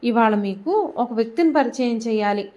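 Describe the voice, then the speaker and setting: A woman voicing a wronged wife who speaks calmly and firmly. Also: a little high, normal speed, lightly acted. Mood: steady, stern. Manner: calm, steady, quietly stern. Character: wronged wife, now composed and firm.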